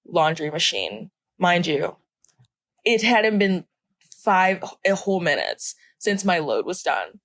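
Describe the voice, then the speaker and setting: A woman's voice: lowish voice, a bit bright, dry recording. Ranting young woman podcast host, dry sound. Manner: ranting, heated and profane, laughing at her own story. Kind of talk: casual chat.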